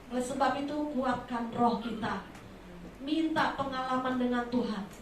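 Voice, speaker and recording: A woman preaching a sermon from Indonesia, impassioned, swinging between soft asides and loud exclamations, in a large church hall. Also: sits high, normal speed, a little hiss or hum. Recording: echoey hall from far off.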